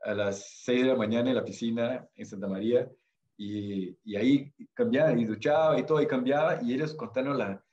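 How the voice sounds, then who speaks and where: With the highs cut off, the recording captures a brisk, mellow, mid-range male voice. He's a podcast guest and amateur triathlete, Brazilian-accented with Portuguese as his first language, casually telling stories and often reaching for words.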